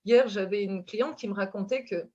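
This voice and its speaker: A woman from France with a French accent, speaking as a relationship coach in a casual conversation, animated and full of fillers and restarts. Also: medium pitch, moderate pace. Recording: dull lo-fi sound.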